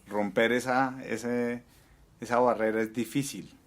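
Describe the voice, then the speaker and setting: A man co-hosting an interview, speaking in a measured, thoughtful way. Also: medium pitch, steady tone. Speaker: co-host. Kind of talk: conversational interview.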